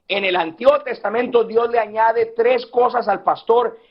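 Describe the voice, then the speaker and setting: High-voiced, husky preaching pastor. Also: male voice, normal speed. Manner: addresses listeners as "hermano" again and again; asks the congregation questions and answers them himself. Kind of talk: sermon. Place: church. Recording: dull lo-fi recording.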